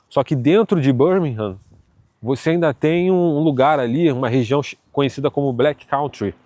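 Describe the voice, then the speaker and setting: A Carioca vlogger from Rio de Janeiro, Brazil chats to his viewers in a relaxed casual monologue, full of fillers and tag questions. His voice is medium-pitched and recorded with no echo.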